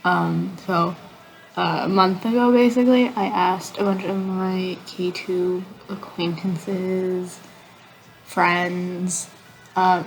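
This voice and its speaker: A woman's voice: medium pitch, darkish tone, a little hiss or hum, low-quality recording. A woman hosting her channel in a casual way, hesitant and full of fillers. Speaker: channel host. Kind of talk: casual vlog narration.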